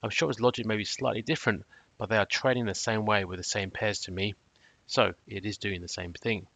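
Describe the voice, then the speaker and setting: A man narrating a scripted review in a measured, matter-of-fact, cautionary way. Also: fairly low pitch, fairly even intonation, creaky, a bit bright, no echo. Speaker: trading robot reviewer.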